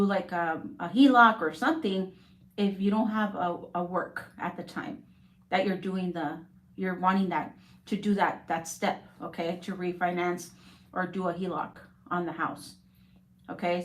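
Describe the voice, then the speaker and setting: A woman who works as a real estate agent, talking in a casual, rambling way on a live stream and often checking in with "okay?". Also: mid-range voice. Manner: rambling, keeps adding "okay?". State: coughing.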